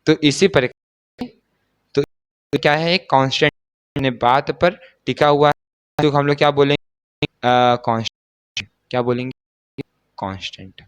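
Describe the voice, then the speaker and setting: A man's voice: mid-range voice, a little slow, pauses often, clear, resonant tone. A young man tutoring algebra in a joking, teasing way, full of rhetorical questions and banter. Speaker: math tutor. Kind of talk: joking video lesson.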